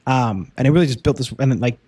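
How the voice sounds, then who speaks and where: A man's voice: mid-range voice, quick pace, mellow, breathy edge, no echo. A young man co-hosting a faith podcast, telling his testimony in an earnest, casual way with frequent "um" and "like". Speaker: podcast co-host.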